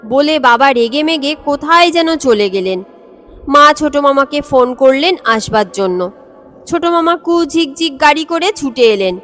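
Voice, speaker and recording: A woman narrating a comic story, with steady storytelling and small pauses. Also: high voice. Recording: long hall reverb.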